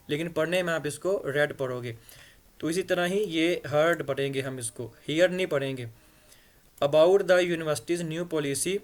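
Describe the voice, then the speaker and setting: A man teaching English idioms in a casual spoken lesson, explaining in Hindi-Urdu and reading the English phrases slowly, with frequent fillers and repeats. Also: a little high. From Punjab. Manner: hesitant, many fillers and repeats.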